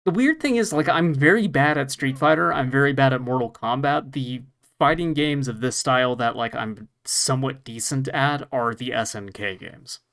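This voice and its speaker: A podcast co-host chats casually while playing a retro fighting game, joking at his own expense, laughing often and swearing now and then. His mid-range voice has vocal fry and a fairly bright tone at a normal speed.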